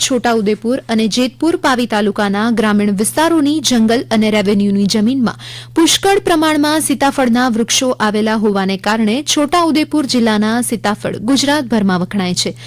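High-voiced woman reading radio news. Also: no room sound. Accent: Gujarati. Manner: measured formal delivery. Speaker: news reader. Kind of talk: scripted radio news bulletin.

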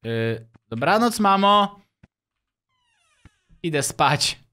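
A man's voice: on the high side, big pitch swings, very slow, pushed and bright. A man hosting a let's-play, commenting playfully and reading the game's dialogue aloud. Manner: playful, reacts with exclamations. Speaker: gaming video host.

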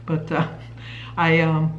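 A woman's voice: deep voice, completely flat delivery, slow, slight background noise. A woman in her sixties chatting casually on a home vlog, rambling with lots of fillers. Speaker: vlog co-host. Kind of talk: casual chat. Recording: roomy, dull lo-fi sound.

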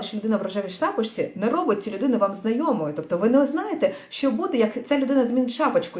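Female language teacher, thoughtful, filler-heavy delivery, mid pitch, echoey room. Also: darkish tone. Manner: thoughtful, pauses with fillers, mixes in English words. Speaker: English teacher. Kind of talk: livestream language lesson.

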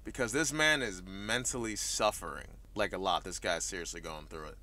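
A man's voice: deep voice, moderate pace, sharp tone, a little hiss or hum. A man hosting a recap video with casual scripted commentary, blunt, opinionated and sweary.

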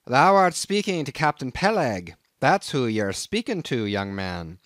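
A man voicing a gruff, suspicious old whaling captain who blusters in archaic thee-and-thou speech. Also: mid-range voice, dry recording, studio quality. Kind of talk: audiobook character voice.

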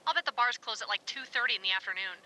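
A sardonic voice over a walkie-talkie. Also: female voice, medium pitch, pushed and bright, a little hiss or hum. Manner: quick, breezy and sardonic. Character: brisk, sardonic woman directing over radio. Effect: walkie-talkie radio.

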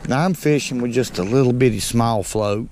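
A middle-aged North Alabama man, Southern accent and all, hosts a fishing channel from a small boat on a lake, chatting with viewers he calls "folks" in a folksy, unhurried way. His mid-range voice sounds a little mellow. The head-mounted action camera adds a bit of hiss or hum.

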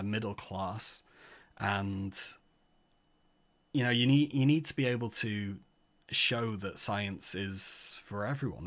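A man's voice: lowish voice, a bit bright. A man with a Mancunian accent hosting a gaming stream, reading a text adventure aloud with chatty, self-mocking asides. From Manchester, England. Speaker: host, palaeontologist. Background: background music.

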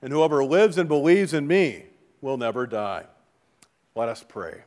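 Leading a funeral before a congregation in a large church sanctuary, a middle-aged pastor reads prayers and liturgy with solemn, measured formality and falling phrase endings. His mid-range voice is sing-song and a little mellow. The sound reverberates through the church hall.

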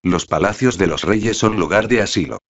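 A weary, gentle king speaks mildly and with resignation, as a man reading the story puts him on. His voice sits very low and deep. The sound is dull and lo-fi, like a home-made audiobook. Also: normal speed. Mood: firm.

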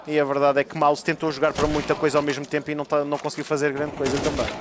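A man's voice: a little high, completely flat delivery, rapid-fire. A man with a European Portuguese accent co-commentating an esports match, analysing the play in a conversational way. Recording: clear noise behind, game ambience.

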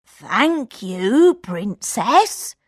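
A woman voicing a scheming older male magician in a read-aloud storybook, stretching his words slowly and slyly. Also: a little high, very animated, dry recording, studio quality, full character voice. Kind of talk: storybook reading.

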